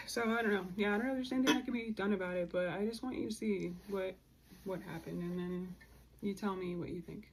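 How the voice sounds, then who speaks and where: A woman's voice: medium pitch, fast talker, very noisy. A tired woman rambling sadly through a casual rant with many fillers, close to mumbling. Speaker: upset customer posting a video.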